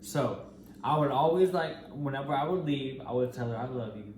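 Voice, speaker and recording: A man's voice: mid-range voice, normal speed, darkish tone. An American man in his twenties chatting casually and informally as co-host of a couple's Q&A. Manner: informal, slangy. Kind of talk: casual chat. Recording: roomy echo, faint background noise.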